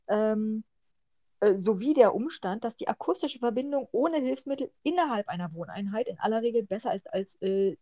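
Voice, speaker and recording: A woman's voice: mid-range voice, dark tone, dry recording. A woman from the northern German coast co-hosting a podcast, chatty and full of hesitant fillers. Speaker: podcast co-host. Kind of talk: casual podcast discussion.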